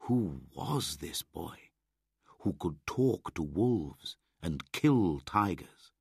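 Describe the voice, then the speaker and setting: Brief: deep unhurried man reading a children's classic aloud, husky and careful. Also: very animated, darkish tone, no echo, studio quality. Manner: slow, clear, measured. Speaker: audiobook narrator. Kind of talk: scripted narration of a graded reader.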